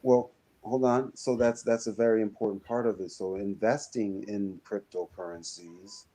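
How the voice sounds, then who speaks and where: A man with a very low, dark, mellow voice talks in a relaxed podcast chat. He hedges a lot, full of ums and restarts, and picks up pace and pitch when he pushes back. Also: normal speed, poor audio. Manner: hesitant, many fillers and restarts; rises and speeds up when pushing back. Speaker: podcast co-host. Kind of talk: casual discussion.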